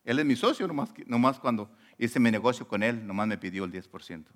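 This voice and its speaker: A man preaching a sermon as a pastor, conversational and animated, often asking rhetorical questions. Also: medium pitch, quick pace.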